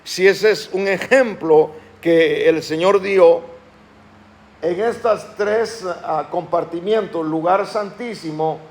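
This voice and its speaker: A pastor with a high-sitting voice preaches a sermon to his church, slowing down and raising his voice when reading scripture aloud. He asks the congregation questions and calls on them to respond.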